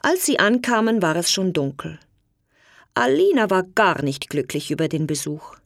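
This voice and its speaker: A woman reading a fairy tale aloud in slow, clear storybook narration. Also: on the low side, no echo, studio quality. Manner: slow, clear storytelling with lively voiced quotes.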